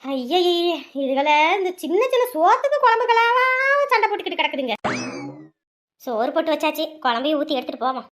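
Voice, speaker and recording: Super high bright cartoon mom, woman doing her voice, chill and indulgent, talks fast. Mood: dismissive. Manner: calm, placating scolding. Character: easygoing middle-aged mother, indulgent to her daughters. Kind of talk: cartoon voice acting.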